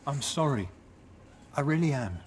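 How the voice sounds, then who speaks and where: A man's voice: medium pitch, expressive, normal speed, natural voice. An actor playing a regretful, apologetic male thug in a video game. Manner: sorrowful, apologetic. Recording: reverberant noisy game audio.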